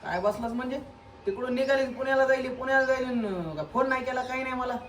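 A man's voice: extremely high pitch, fast talker, fairly bright tone. A young man acting in an improvised comedy skit as a rustic would-be groom, bantering stubbornly and teasing his girlfriend. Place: outdoors near a building. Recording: echoey distant mic with background noise.

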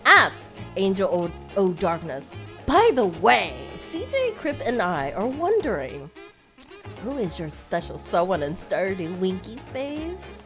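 A woman's voice: mid-range voice, big pitch swings, unhurried, fairly bright tone, soft background music. A woman voicing a playful young woman who teases a friend in a fan voice-over of chat messages, laughing often. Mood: chatty.

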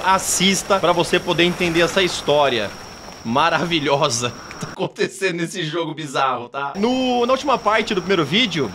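A Brazilian man giving excitable, slangy let's play commentary as a gaming youtuber. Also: fairly high pitch, slight background noise. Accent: Brazilian Portuguese.

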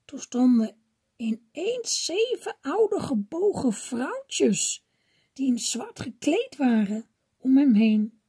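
A woman reading a children's fairy tale aloud gently, often dropping to a whisper. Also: high-pitched, very animated, slow pace, breathy edge. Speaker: storybook reader.

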